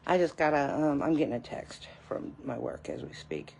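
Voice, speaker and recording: A woman's voice: deep voice, very animated, normal speed, gravelly, a little mellow, slight background noise. A woman hosting a casual live cooking stream from her home kitchen, talking to viewers as y'all, a bit hot and out of breath. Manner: chatty, addresses viewers as y'all. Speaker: cooking livestream host. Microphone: phone livestream.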